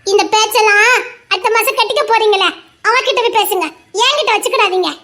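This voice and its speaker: A woman's voice: very high voice, a little fast, pushed and bright. Woman voicing a feisty, scolding young woman. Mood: annoyed scolding. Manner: scolding, flustered, exasperated. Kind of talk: amateur audio drama.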